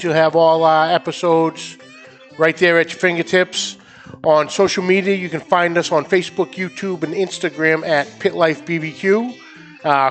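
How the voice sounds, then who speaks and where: High-voiced Boston man hosting a podcast. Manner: upbeat, plugs the show. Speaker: podcast host. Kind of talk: casual chat and show sign-off.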